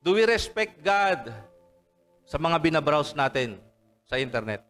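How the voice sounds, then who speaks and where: A pastor with a Filipino accent preaches to his congregation in a fairly high voice. He moves between English and Tagalog and keeps asking for an "Amen?" Soft music plays faintly under him. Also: big pitch swings, unhurried. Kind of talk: sermon. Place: church service hall.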